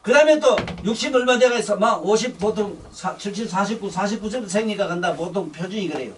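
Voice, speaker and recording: Older busan-accented guy preaching, blunt and scolding, high voice swinging all over, mic a bit far off. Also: expressive, fast, a little hiss or hum. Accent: Gyeongsang (Busan). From Busan, South Korea. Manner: blunt, scolding, coarse-spoken. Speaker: Buddhist dharma teacher. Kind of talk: rambling sermon.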